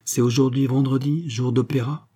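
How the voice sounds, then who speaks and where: Sentimental fake countess coaxing her lover, man reading her, dark husky voice, storybook. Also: medium pitch, steady tone, moderate pace, lightly acted.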